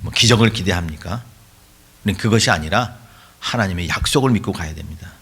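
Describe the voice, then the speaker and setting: A man preaching a sermon as pastor, with emphatic rhetorical questions and frequent throat clearing. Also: deep voice, a little fast, a bit bright.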